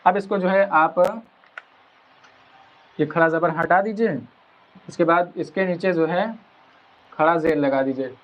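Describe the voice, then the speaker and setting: A male Quran teacher walks his students through a lesson, patient and repetitive, slowing right down to stretch out each sound. His voice sits a little high. The recording is dull and lo-fi. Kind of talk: explanatory lesson.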